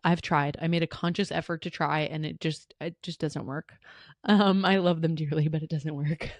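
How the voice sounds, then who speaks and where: A woman's voice: low voice, fairly even intonation, moderate pace, dry recording. A young woman hosting a solo podcast, answering listener questions in a chatty, rambling way with lots of fillers and restarts. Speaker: podcast host. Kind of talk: solo podcast Q&A, casual chat.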